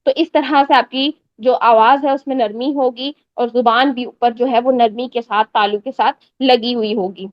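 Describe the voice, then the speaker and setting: High-pitched lady tutor repeating drill sounds over and over, dry slightly muffled mic. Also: steady tone, few pauses, no room sound. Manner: patient, repeats drill sounds, keeps checking with the listener. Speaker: Quran recitation teacher. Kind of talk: step-by-step pronunciation lesson.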